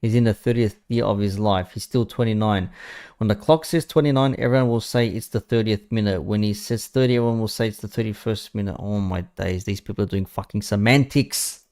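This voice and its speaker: Brisk and fairly low-pitched with a darkish tone, a man in his thirties streams about football, talking casually with viewers in live chat. He is blunt, swears freely and mocks as he goes.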